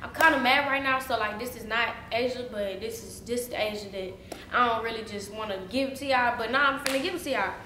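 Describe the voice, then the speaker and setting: A young woman YouTuber rants to the camera in a casual vlog, venting indignantly, repeating herself, and peppering her speech with "like" and "y'all." Her voice is fairly high, quick, and sharp-toned. The room is echoey, with slight background noise.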